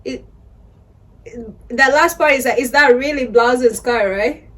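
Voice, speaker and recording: A woman from Uganda with a Ugandan accent, a vlogger chatting casually while learning new phrases, excitable and often laughing and exclaiming. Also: high voice, unhurried, far from the mic. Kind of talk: casual chat.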